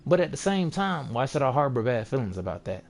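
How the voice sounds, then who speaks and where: A man's voice: medium pitch, sing-song, fairly quick, creaky. A young man vlogging in a casual, rambling rant, slipping into sarcastic mock voices as he talks.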